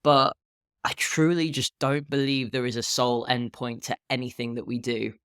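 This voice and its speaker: Smooth low morning voice, man in his thirties. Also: flat delivery, moderate pace, a bit bright, no room sound, studio quality. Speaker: podcast host and health and fitness coach. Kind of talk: casual solo podcast talk.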